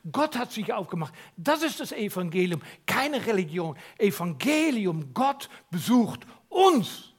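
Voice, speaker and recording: A man preaching a Christmas sermon, asking rhetorical questions and swinging from near-whispers to loud, emphatic lines. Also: high voice.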